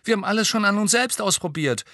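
A male narrator putting on a raised, brash teenage prankster in an audiobook, loud and cheeky with a lively, bouncing delivery. the voice sits well above the reader's own and is recorded close and dry. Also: high voice, fast, no room sound, voice pushed up, exaggerated voice.

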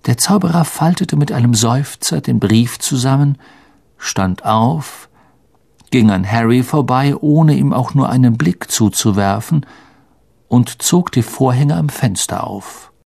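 A man narrating an audiobook with slow, expressive storytelling. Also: medium pitch, vocal fry, breathy edge, dry recording, studio quality.

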